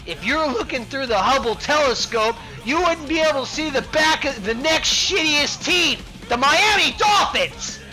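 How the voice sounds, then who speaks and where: A man rants at the top of his lungs in a crude, profane roast of his fantasy league rivals. His voice sits very high and sounds bright and sharp, and his pitch swings widely. He drags each jab out slowly while faint music plays underneath. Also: lively intonation, rough recording. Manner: shouting, crude insults, frequent laughter. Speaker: fantasy football league podcast host.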